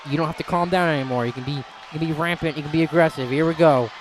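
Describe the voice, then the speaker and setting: A young man calling a high school basketball playoff game play by play, getting loud at the big plays. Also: rapid-fire, noisy background. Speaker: play-by-play announcer. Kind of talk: live basketball commentary.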